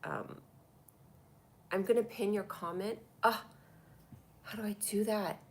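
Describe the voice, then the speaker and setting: Slow and mid-pitched with a darkish tone, this woman has a cold that leaves her sounding stuffy. She hosts a comedy live stream, rambling and chatting as she reacts to viewer comments on a tablet.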